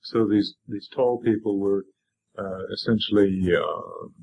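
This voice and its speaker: A man asking halting interview questions, heard on old worn tape. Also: on the low side, gravelly. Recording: muffled 1970s tape with faint hiss.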